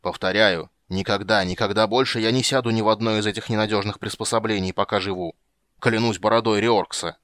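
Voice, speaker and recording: A man voicing a grumpy, stubborn old male dwarf who shouts and curses in an audiobook. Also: on the low side, fairly even intonation, brisk, no echo, lightly acted. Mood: grumbling. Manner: gruff, shouting, cursing.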